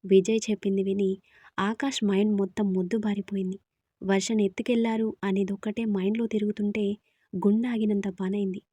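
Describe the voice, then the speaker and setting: A woman narrating an audio story with steady, expressive reading. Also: medium pitch, a little fast, slightly rough, no echo.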